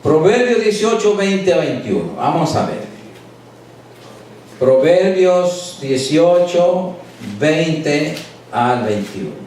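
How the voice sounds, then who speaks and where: A male pastor delivers a sermon, building his points through emphatic repetition. His fairly high voice booms around a very reverberant church, captured from a distance. A faint hiss sits under it. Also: lively intonation, slow pace, darkish tone. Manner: preaching with rising emphatic repetition. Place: church sanctuary. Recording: echoey church hall picked up from a distance.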